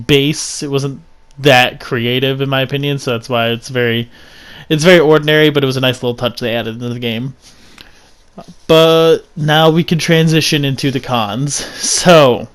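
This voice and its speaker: A man reviewing a video game in a casual, rambling way, giving blunt opinions with frequent restarts and fillers. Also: mid-range voice.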